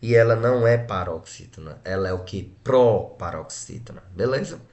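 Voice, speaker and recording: A man's voice: fairly low pitch, lively intonation, normal speed, a little mellow. A Brazilian man teaching a grammar lesson, splitting words syllable by syllable and checking in with short tag questions. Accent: Brazilian Portuguese. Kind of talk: exam-prep grammar lesson.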